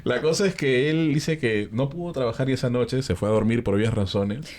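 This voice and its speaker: A man with a Peruvian accent telling a ghost story in a relaxed panel chat, acting out the characters' lines and using frequent fillers. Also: medium pitch, a little fast. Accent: Peruvian Spanish. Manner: animated storyteller who acts out the characters' lines; frequent fillers and tag questions.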